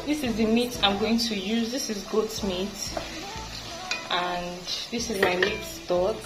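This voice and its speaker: A woman's voice: medium pitch, takes it slowly, over loud music, rough recording. A young woman chatting casually to her phone camera in a student vlog. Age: young adult. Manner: chatty, relaxed, talks straight to camera. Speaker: student vlogger. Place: small apartment room and kitchen, indoors.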